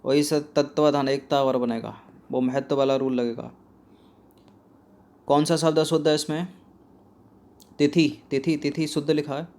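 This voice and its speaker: A man with a somewhat high voice runs a spelling lesson for exam students. He works through a practice test one word at a time, asking what is right and then giving the answer himself. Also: flat delivery, normal speed, long pauses, darkish tone. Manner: talks to students directly, asks and then answers his own questions. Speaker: exam prep teacher.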